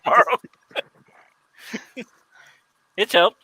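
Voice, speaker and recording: Casual male co-host, rambling and giggly, bright tone, dry close mic. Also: very slow, dry recording, low-quality recording. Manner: rambling, laughs often. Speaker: podcast co-host. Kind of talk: casual chat.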